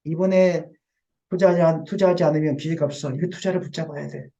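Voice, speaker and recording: A man's voice: on the high side, steady tone, fast talker, dark tone, dull audio, natural voice. A male pastor voicing Satan as a tempter who keeps goading his listeners to pride and haste. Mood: urging. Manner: insistent, needling, repetitive urging.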